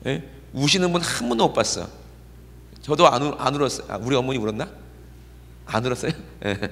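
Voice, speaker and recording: A man's voice: medium pitch, lively intonation, fairly quick, gravelly, a bit bright. A middle-aged man preaching a sermon in a conversational way, often checking in with his congregation. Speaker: pastor. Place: church sanctuary. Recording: long church reverb.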